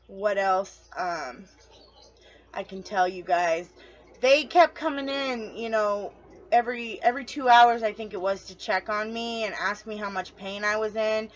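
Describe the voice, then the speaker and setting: A woman's voice: mid-range voice, dull audio. A woman telling her story to camera in a casual vlog, chatty and rambling, losing her train of thought and talking straight to her viewers. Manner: chatty, addresses viewers directly. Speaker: vlogger.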